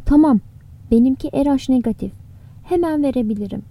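An anxious young man in a grim story, urgent and shaken, as a woman reads him in her own mellow, slightly high voice. The sound is dry and close. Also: fairly quick, no echo. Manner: urgent, breathless worry. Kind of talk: audiobook character reading.

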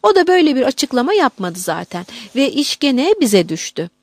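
A woman narrating an audiobook in a measured, expressive reading. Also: sits high, dry recording.

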